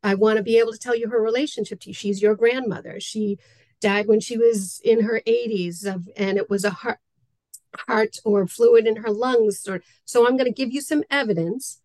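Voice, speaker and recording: A woman's voice: on the high side, steady tone, moderate pace, a little mellow, no room sound, poor audio. A woman speaking as an interview guest, a spiritual medium explaining things earnestly and step by step in a conversational way.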